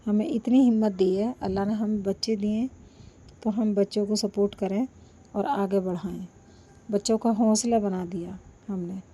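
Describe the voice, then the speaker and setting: A woman vlogger with a sore throat, talking slowly and softly to her viewers and pleading for their support, recorded without a microphone. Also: medium pitch, steady tone, slightly rough. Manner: slow, soft-spoken, pleading. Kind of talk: casual chat to viewers. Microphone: no microphone, built-in device mic.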